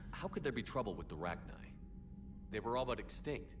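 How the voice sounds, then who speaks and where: An actor playing a steady, dutiful military starship commander in a video game, brisk and matter-of-fact. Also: male voice, on the low side, lightly acted. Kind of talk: video game character acting. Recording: noisy game audio capture.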